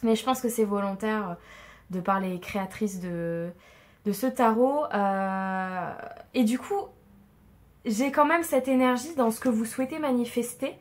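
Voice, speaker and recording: A woman's voice: on the high side, a little slow. A woman doing a casual tarot card reading for her viewers, chatty and reassuring with many fillers. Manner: chatty, warm and reassuring, frequent fillers and soft laughs. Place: home room, with a tripod-mounted camera.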